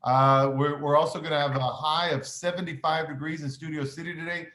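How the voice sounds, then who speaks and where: A man's voice: a little high, fairly even intonation, brisk, fairly bright tone. A man giving upbeat school intercom morning announcements as principal, encouraging, with frequent "uh" fillers. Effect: school intercom announcement sound. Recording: echoey room with faint noise.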